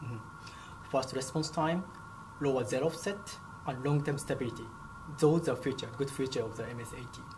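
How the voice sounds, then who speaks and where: A man's voice: mid-range voice, brisk. A young man whose first language is Japanese, answering interview questions in a lab with brief, careful phrasing. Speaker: product specialist. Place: company lab, indoors. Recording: lab background noise.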